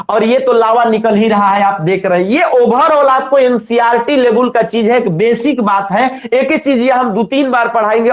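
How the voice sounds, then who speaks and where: A man with a Bihari Hindi accent giving a classroom lecture, asking his students questions, answering them himself and repeating the key terms. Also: extremely high pitch. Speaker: teacher. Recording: echoey, dull lo-fi room sound.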